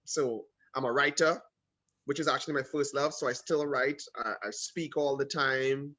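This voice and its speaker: His voice is mid-range, his accent Trinidadian. The man, from Trinidad and Tobago, is a guest in an informal video call interview, telling his story with energy and plenty of quick side comments.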